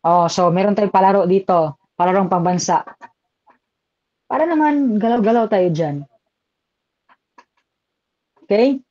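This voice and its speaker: A man's voice: sits high, unhurried, pauses often, a little mellow, dry recording, highs cut off. A man with a Filipino accent giving a live online exam review lecture, chatty and switching between languages as he reads out viewer comments.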